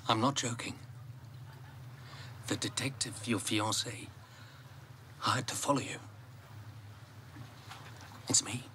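An actor playing a wry private detective who speaks in a dry, blunt way. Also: male voice, mid-range voice, fairly even intonation, takes it slowly, pauses often, bright, forceful tone, slight background noise. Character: wry middle-aged male private detective.

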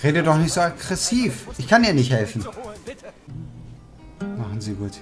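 Male streamer, fairly high voice, playful, casual gameplay banter, music in the background. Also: normal speed. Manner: playful, excitable. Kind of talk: casual, joking gameplay commentary. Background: video game music.

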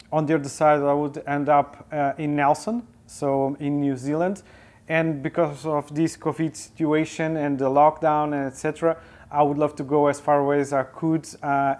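Seated in an indoor studio furnished with a sofa and wearing a lapel mic, a man in his forties, a photojournalist, is interviewed as a guest. He speaks with a Portuguese accent in a fairly high, darkish voice, responding thoughtfully with frequent filler hesitations.

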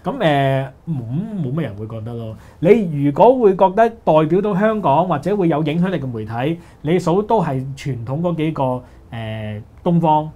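A man with a Hong Kong Cantonese accent, co-hosting a casual panel talk show, brisk and opinionated. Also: fairly high pitch, expressive, mellow. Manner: brisk, opinionated, says "喂" often. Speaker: co-host.

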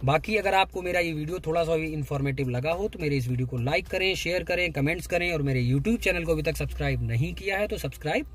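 A man's voice: on the high side, quick pace, few pauses, soft background music. A man hosting his own channel, explaining a car gadget step by step from inside a parked car. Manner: explains step by step, points at parts. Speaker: YouTube channel host. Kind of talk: casual product demo.

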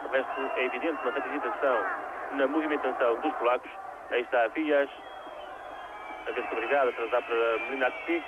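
A man with a European Portuguese accent giving measured, formally worded live football commentary. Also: mid-range voice, fairly even intonation. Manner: formal, wordy phrasing. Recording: tinny, very noisy 1980s TV broadcast. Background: loud stadium noise.

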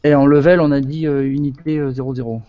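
A man's voice: medium pitch, fairly even intonation, quick pace, lo-fi sound. A man in a casual online chat while playing a flight simulator, informal and muttering through his tasks.

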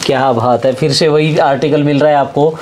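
A man's voice: fairly high pitch, fairly even intonation, a little fast, a little mellow. A male vlogger touring a clothing warehouse, upbeat and full of praise, asking the seller questions. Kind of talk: casual shop walkthrough.

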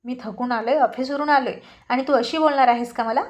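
A woman reading the lines of an irritated young husband in a storybook tale, with sharp, defensive retorts that slip into English phrases. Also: sits high, fairly even intonation, brisk, close to an everyday voice. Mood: angry.

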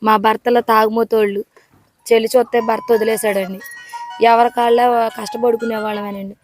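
A woman's voice: on the high side, little pitch movement, fairly quick, soft background music. A woman earnestly pleading her case to reporters outdoors, repeating her complaints.

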